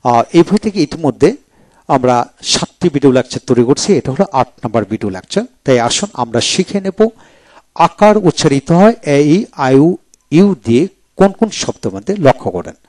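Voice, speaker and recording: A male teacher giving a video lecture on English pronunciation, spelling out each word letter by letter and then saying it slowly several times. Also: medium pitch, big pitch swings, darkish tone, no room sound.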